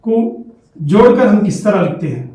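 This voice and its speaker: A man with a Hyderabadi Urdu accent teaching Quranic letters, spelling each letter and syllable out and repeating it in a slow, deliberate classroom manner. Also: high voice, expressive, warm tone. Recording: roomy, distant mic.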